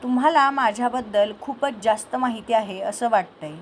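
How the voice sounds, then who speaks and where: A woman voicing a shy, emotional young woman in love, speaking softly and hesitantly. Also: a little high, normal speed, a little hiss or hum, lightly acted. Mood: teasing. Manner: soft, hesitant, quiet.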